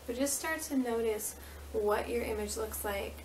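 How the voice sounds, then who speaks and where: Distant, echoey woman guiding a meditation. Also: a little high. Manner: soothing, unhurried instructions with gentle repetition. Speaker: yoga and meditation instructor. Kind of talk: guided meditation. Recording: roomy, distant mic with faint noise.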